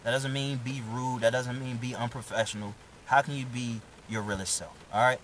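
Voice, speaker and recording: A man's voice: mid-range voice, steady tone, moderate pace, a bit bright, slight background noise, poor audio. Profane streetwise man giving a pep talk. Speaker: vlogger. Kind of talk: casual motivational live stream.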